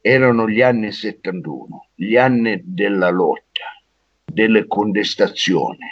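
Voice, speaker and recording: A man's voice: lowish voice, animated, a little slow, dry recording, pitched below the performer's own voice. A man putting on a boastful police inspector calling in over a phone line, pompous and muddling his words. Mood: self-important. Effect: heard over a phone line. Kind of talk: comedy radio sketch.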